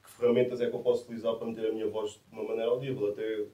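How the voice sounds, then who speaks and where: A man in his twenties with a Lisbon accent and a deep timbre, chatting casually in laid-back street slang as an interviewed musician. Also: flat delivery, very fast, warm tone. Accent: Lisbon Portuguese. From Massamá, greater Lisbon, Portugal. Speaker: musician and producer being interviewed. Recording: roomy echo, distant from the mic.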